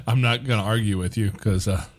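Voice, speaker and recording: Low-voiced male co-host, measured. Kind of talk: interview conversation.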